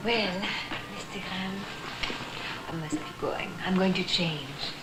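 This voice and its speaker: An actress playing a flirtatious, teasing singer who talks coyly. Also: female voice, lowish voice, a little slow, background noise, natural voice. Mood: flirty. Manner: coquettish, teasing. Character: flirtatious singer, coy and playful. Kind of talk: film acting. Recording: film soundtrack with music.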